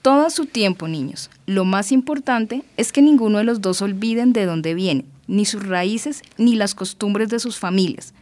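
A woman's voice: medium pitch, moderate pace, few pauses, a little mellow, dry recording. A woman playing a patient mother who reads and explains a story in an educational radio drama. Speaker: mother and narrator.

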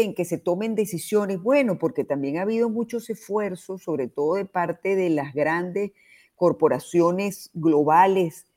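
A Venezuelan biologist in her sixties appears as a guest on a radio interview, explaining things in a thoughtful, searching way. Her voice sits on the low side and is slightly mellow. She restarts often and sprinkles in "o sea" asides.

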